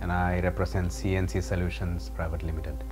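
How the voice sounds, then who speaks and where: A man's voice: sits low, flat delivery, fairly quick, a little mellow. A man from Sri Lanka, a founder speaking earnestly about his startup. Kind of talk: promo interview. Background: music.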